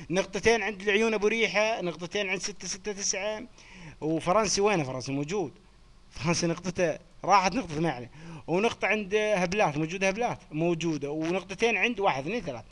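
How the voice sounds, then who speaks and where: A young man hosting a joking quiz on a live chat stream, teasing the players in quick banter. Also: high-pitched, fairly bright tone, a little hiss or hum. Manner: teasing, swears oaths, rapid banter with participants.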